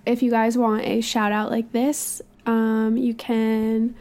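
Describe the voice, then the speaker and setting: A woman with a fairly high, nasal voice, stuffed up as if sick. She chats casually as a podcast co-host. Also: level tone, slow, darkish tone. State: congested from being sick. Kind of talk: casual chat.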